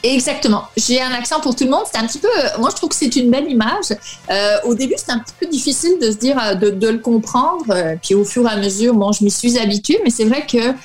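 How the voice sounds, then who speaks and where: A French woman in her forties answering podcast interview questions, pausing often with fillers. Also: on the high side, soft background music. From France. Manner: hesitant, many fillers. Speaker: guest.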